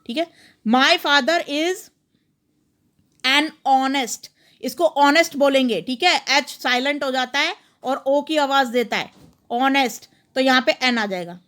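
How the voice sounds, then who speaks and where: A woman teacher, patiently explaining worksheet answers step by step and reading sentences slowly. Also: high-pitched, a bit bright. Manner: patient, explains each example step by step, reads English slowly.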